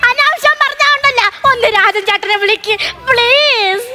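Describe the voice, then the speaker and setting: A woman's voice: very high-pitched, normal speed. An actress playing a desperate wife in a TV comedy sketch, pleading and insisting to find her missing husband. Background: background music.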